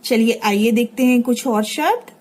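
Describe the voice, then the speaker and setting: एक महिला शिक्षिका बच्चों को हिंदी की वर्तनी सिखा रही हैं, हर शब्द धीरे-धीरे और धैर्य से बार-बार बोलकर।. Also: female voice, on the high side, a little mellow. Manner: slow, patient, repeating each word aloud. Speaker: teacher. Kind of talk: Hindi spelling lesson for children.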